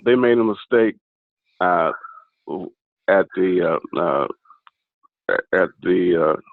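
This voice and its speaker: Gravelly low man on a phone line. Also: no room sound. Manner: halting, many fillers and restarts. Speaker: caller giving a testimony. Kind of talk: casual spoken testimony. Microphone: phone call into a video meeting. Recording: dry tinny phone line.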